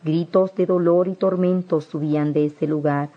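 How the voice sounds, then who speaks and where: A woman's voice: sits low, fairly even intonation, normal speed, highs cut off. A woman earnestly narrating a religious testimony, pleading with her listeners.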